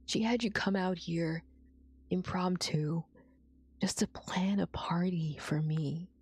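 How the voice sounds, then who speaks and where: A woman's voice: lowish voice, slow pace, a little mellow, slightly rough. A woman doing Melrose, a drunk heartbroken man. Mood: anguished. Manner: drunken, crude, half-whispered confessions. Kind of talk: reading a romance story aloud.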